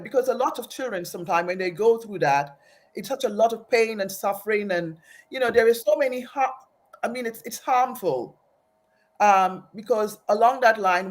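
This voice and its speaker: An interview guest from Aruba, brought up in Trinidad, reflects earnestly on her personal story in a mid-range voice. She tends to restart her phrases often.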